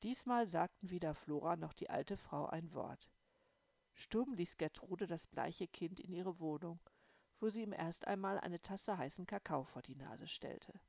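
Low-voiced woman reading a story. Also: lively intonation, unhurried, gravelly, darkish tone, dry recording. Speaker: audiobook narrator. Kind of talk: scripted narration.

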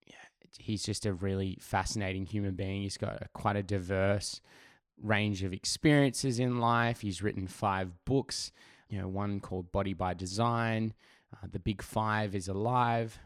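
In a clean studio with no echo, a man with a fairly low, clear, resonant voice hosts his podcast. He's chatty and full of enthusiasm and fillers as he does a casual intro and interview, his voice still getting over laryngitis.

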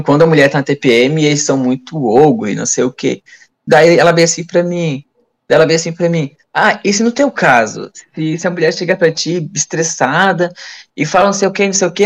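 A man, a guest telling stories in a casual, animated interview. He acts out the dialogue he retells and restarts his sentences often. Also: a little high. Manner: many fillers and restarts.

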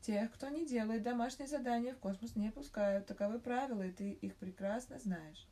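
A woman reading aloud as a calm, firm scientist father who speaks in a measured way. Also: fairly high pitch, distant mic, pitched above the performer's own voice, close to an everyday voice.

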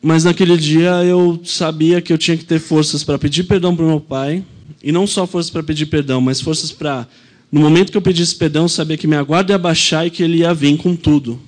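A pastor, preaching through a heartfelt personal testimony. His voice sits a little high for a man. He tells the story in an earnest, reflective way. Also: fairly even intonation, fairly quick.

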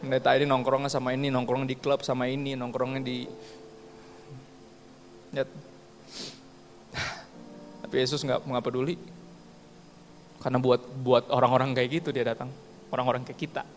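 Slangy preacher with an Ambonese accent. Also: male voice, mid-range voice, flat delivery, normal speed, pauses often. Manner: casual slang-filled preaching, acts out dialogue. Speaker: pastor. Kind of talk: sermon. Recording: long hall reverb with faint music.

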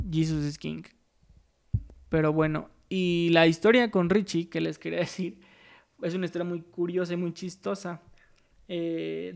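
A man talks through a casual solo podcast episode, wandering through his points with plenty of fillers. His fairly high voice has a gravelly, fry-laden edge, yet it stays smooth and resonant. He keeps a flat, even pitch throughout. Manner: rambling, loose, with many fillers and restarts. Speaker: podcast host.

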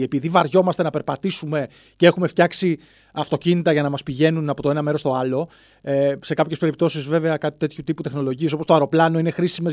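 Guy doing a solo comedy podcast, kinda high voice, dry close sound, rambles all over the place. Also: a little mellow, no echo. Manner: rambling, playful, jumps between bits and silly voices. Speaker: podcast host. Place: podcast studio, alone.

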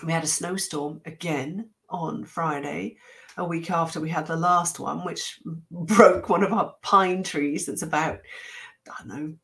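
A woman hosts a livestream while sick, her slightly low voice a little squeaky and worn. She chats casually in a rambling way, restarting sentences and laughing between thoughts. It sounds like a home computer microphone. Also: fairly bright tone. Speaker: host. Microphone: webcam or computer mic.

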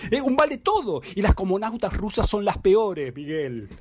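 A man's voice: high voice, big pitch swings, moderate pace, noisy background. A man voicing a frantic middle-aged wife with an Argentine accent, pleading with and scolding her runaway husband, stammering at times. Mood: anxious, pleading. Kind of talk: dramatic reading of a theatre monologue.

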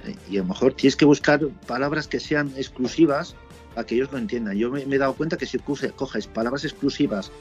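A man from Spain chatting casually and telling lively stories about his motorcycle trip. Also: mid-range voice, fairly quick, dull audio, faint music behind. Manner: lively storyteller, swears casually. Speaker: motorcycle traveler guest. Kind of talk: casual chat.

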